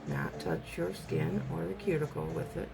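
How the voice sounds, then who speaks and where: A woman with a rough, raspy smoker's voice gives a casual, rambling, self-deprecating hands-on tutorial as an amateur host. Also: low-pitched, huge pitch swings, normal speed, loud music behind the voice, low-quality recording. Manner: rambling, self-deprecating, loses train of thought.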